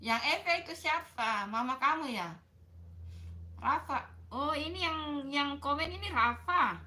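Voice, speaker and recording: A woman's voice: high-pitched, expressive, slow, pauses often, bright, forceful tone. A woman hosting a casual livestream, chatting with viewers, greeting them by name and apologizing often. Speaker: livestream host.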